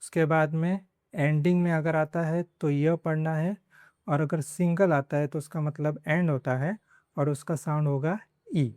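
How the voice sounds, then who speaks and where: A man's voice: a little high, fairly even intonation, a little slow, a little mellow, smooth, no echo, studio quality. A man teaching a pronunciation lesson in Hindi, repeating each example word several times. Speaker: Spanish teacher.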